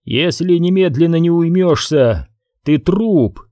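A man's voice: a little high, lively intonation, unhurried, dark tone, no echo, studio quality, voice pushed up. A man voicing a stern young male leader who gives firm, threatening commands. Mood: commanding.

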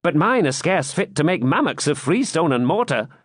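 A man doing a high, quick-witted jester. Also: big pitch swings, no echo, clean studio sound. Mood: jesting. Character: witty male court jester, quick and mocking.

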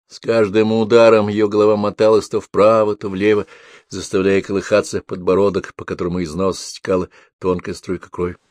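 Guy reading an audiobook, lowish voice, dry close sound. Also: darkish tone, dry recording. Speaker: narrator. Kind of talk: audiobook narration.

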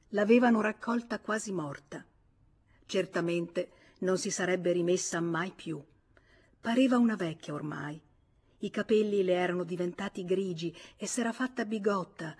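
A woman reading a novel aloud as an audiobook reader, with measured and expressive narration. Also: fairly low pitch, husky. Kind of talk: scripted literary narration.

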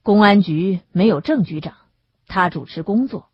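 A woman narrates an audiobook with expressive, lively intonation and a strongly husky, breathy voice. The recording is dry and close, with a dull lo-fi sound. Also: mid-range voice, moderate pace, no echo. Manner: expressive storytelling.

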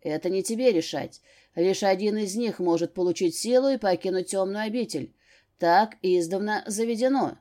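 A woman's voice: mid-range voice, normal speed, mellow, close to an everyday voice. A woman voicing a sneering elder demon. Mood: scornful. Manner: sneering, dismissive. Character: arrogant elder demon, scornful clan father. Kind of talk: audiobook character voice.

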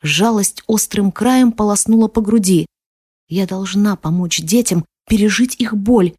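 A woman's voice: mid-range voice, darkish tone, breathy edge, no room sound. Woman narrating an audiobook, close and dry. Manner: measured, emotional storytelling. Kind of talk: first-person audiobook narration.

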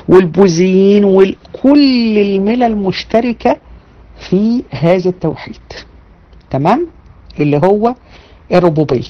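A woman with an Egyptian Arabic accent gives an online religion lesson to her women students. Her delivery is lively and conversational, full of rhetorical questions to the class. She slows down and leans on the points she wants them to remember. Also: fairly low pitch, highs cut off. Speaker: religion teacher.

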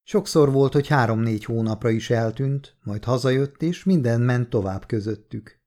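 Using his natural voice, medium in pitch with a dark tone, a man voices a talkative older mother in an audiobook. The character gossips and rambles in a chatty mood, first boasting and then growing wary.

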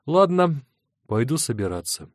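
A man voicing a weary, mocking woman, the sharp-tongued older sister in an audiobook. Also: on the high side, big pitch swings, measured pace, no room sound, voice pushed up. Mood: sardonic. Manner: dry, mocking.

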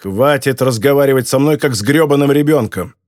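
A man's voice: mid-range voice, brisk, a little mellow, no echo, studio quality, lightly acted. A man voicing a hot-tempered former soldier in an audiobook, talking in a defiant, blustering way. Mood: angry. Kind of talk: audiobook character voice.

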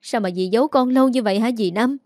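Woman voicing hurt young orphan son, Southern Vietnamese accent, pleading, mellow tone. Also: on the high side, fast, dry recording, natural voice. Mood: tearful pleading. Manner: earnest, pleading, close to tears.

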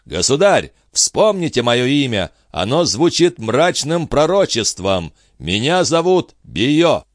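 A stern, prophetic revolutionary hurls his words in a raised, louder voice, as a male narrator puts him on. He lands on each threat slowly and heavily. The recording is close and dry. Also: mid-range voice, big pitch swings, dry recording, voice pushed up. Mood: menacing. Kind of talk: audiobook character voicing.

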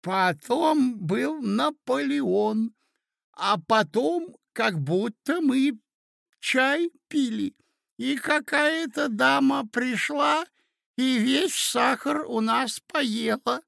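A man's voice: extremely high pitch, animated, extremely slow, vocal fry, fairly bright tone, no echo, clean studio sound, voice pushed up, full character voice. A man voicing a frail, muddled elderly prince who speaks in a quavering, plaintive way. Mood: fretful. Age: older.

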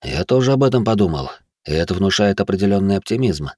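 A man's voice: sits low, lively intonation, quick pace, warm tone, no echo, clean studio sound. A man voicing a stubborn young aristocratic ex-soldier who argues in a raised, indignant tone. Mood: argumentative.

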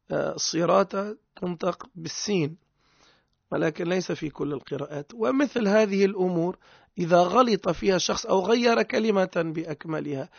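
A religious teacher with a Tunisian accent gives a lesson, explaining points by posing and answering his own questions. His voice is on the high side and gravelly, captured in a dry, dull-sounding recording.

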